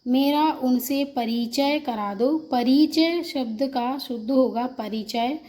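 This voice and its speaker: A woman's voice: high-pitched, takes it slowly, mellow. A woman teaching a Hindi spelling lesson for an exam, reading example sentences and then repeating each word in its correct form.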